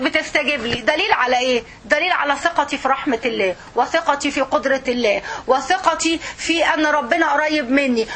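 An older woman with an Egyptian Arabic accent teaches a religious lesson in a quick, high, bright voice. She talks in a conversational, emphatic way and keeps checking that her listeners follow. A faint hum of room ambience sits behind her.

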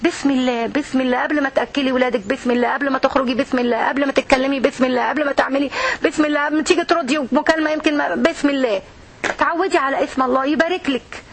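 An Egyptian woman teaches a religious lesson, her voice set high and her words coming quickly. She talks earnestly and straight to the women listening. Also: steady tone. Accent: Egyptian Arabic.

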